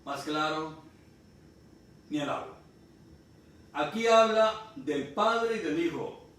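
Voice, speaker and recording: A man's voice: on the high side, lively intonation, a bit bright. Man from Honduras preaching in echoey room. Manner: explains slowly, repeats key phrases. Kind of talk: sermon. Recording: distant mic in echoey room, faint noise.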